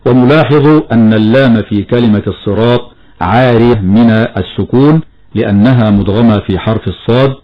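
A man teaching the rules of Quran recitation, explaining steadily and chanting slow example verses. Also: medium pitch, lo-fi sound. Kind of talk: tajweed lesson with recited examples.

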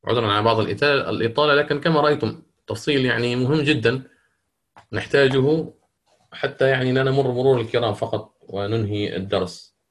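A man leads a recitation lesson at a measured teaching pace. He explains each rule carefully, often checks in with his students, and stops to correct himself when he misspeaks. His voice sits in a middle pitch. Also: fairly bright tone.

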